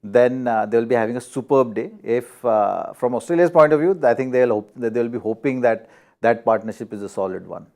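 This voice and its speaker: A man offering cricket opinions on a panel, halting with frequent pauses. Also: medium pitch, gravelly, a little mellow. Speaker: cricket analyst.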